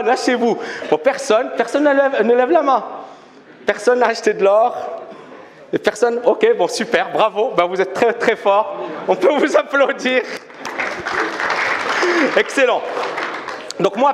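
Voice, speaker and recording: A middle-aged man with a fairly high voice delivers an animated talk to an audience, firing questions at the room and cracking jokes. The sound rings through a large, echoey hall. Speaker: speaker giving a talk at a trading fair. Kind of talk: lively public talk to a live audience.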